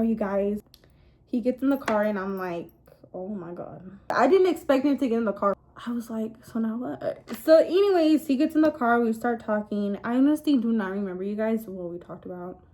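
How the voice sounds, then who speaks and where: Higher-pitched young woman dishing casual gossip. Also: slight background noise. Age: young adult. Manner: gossipy, confiding, animated storytelling with girl-talk asides. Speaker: vlogger. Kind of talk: casual storytime chat to camera.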